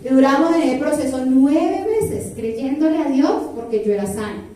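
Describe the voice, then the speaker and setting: A high-pitched woman preaches to her congregation, lively and playful, sometimes singing her lists. Her voice is mellow rather than bright. It comes from a distance in a very echoey church hall. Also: normal speed. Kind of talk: sermon. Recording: very echoey hall, far from mic.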